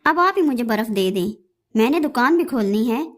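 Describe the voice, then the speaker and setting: A busy little female sparrow in a cartoon, impatient and chiding, as a woman voices her. The voice is high and bright. She calls out and complains in a brisk way. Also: expressive, natural voice. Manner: impatient, calling out.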